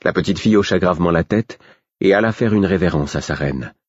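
A man reading a fantasy novel aloud in the first person, steady and restrained, in a slightly dull recording. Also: sits low, a little fast, breathy edge, no echo. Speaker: audiobook narrator. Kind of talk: scripted narration of a fantasy novel.

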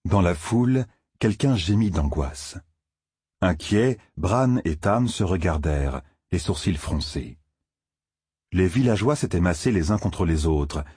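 Low husky guy reading an audiobook, steady pace, dry close sound. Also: no echo. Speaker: narrator. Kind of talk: audiobook narration.

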